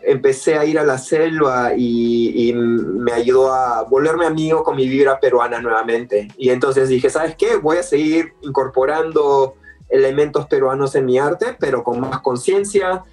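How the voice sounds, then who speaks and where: A man with a Peruvian Spanish accent, a guest artist talking in a relaxed, reflective way in an interview. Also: medium pitch, unhurried, soft background music. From Peru. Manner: easygoing, reflective, laughs lightly.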